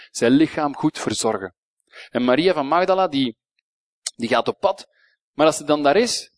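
A Flemish-accented man delivers a sermon with dramatic swings from hushed phrases to emphatic peaks. His voice sits at an ordinary middle pitch for a man. The sound is dry, with no room echo. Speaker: preacher.

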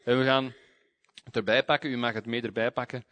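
Male pastor, sermon delivery with lively emphasis, dry recording. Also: medium pitch, a little fast, no room sound. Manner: lively emphasis, reading scripture aloud.

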